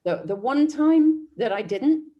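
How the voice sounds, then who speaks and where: A woman hosting a podcast interview, asking questions and reflecting in a measured way. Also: sits high, animated, dull audio.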